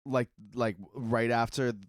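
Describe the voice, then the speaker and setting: A man's voice: medium pitch, level tone, slow pace, dry recording, clean studio sound. A man co-hosting a podcast in casual chat, laid-back and full of fillers. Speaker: podcast co-host.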